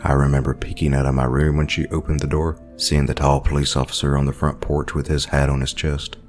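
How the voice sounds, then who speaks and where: A man telling a horror story in a slow, brooding narration. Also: extremely low pitch, level tone, a little mellow, soft background music.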